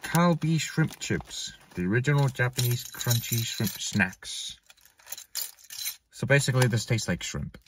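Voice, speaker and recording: A man in his thirties co-hosts a snack review from a parked car, joking crudely and crunching chips between remarks. His mid-range voice moves at a moderate pace with long pauses. A dashboard camera a little away picks him up slightly distantly, with faint noise and bag crinkling.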